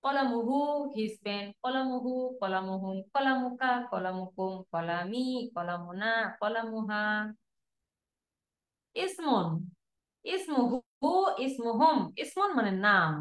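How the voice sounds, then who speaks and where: A woman teaching a Quranic Arabic lesson online with a Bangladeshi Bengali accent, drilling word forms and repeating them slowly for students. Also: on the high side, animated, a bit bright, roomy sound.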